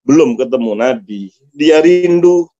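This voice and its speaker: A man's voice: mid-range voice, animated, unhurried, mellow. A male preacher telling a religious story as a dramatic, emotional sermon. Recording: dull lo-fi sound.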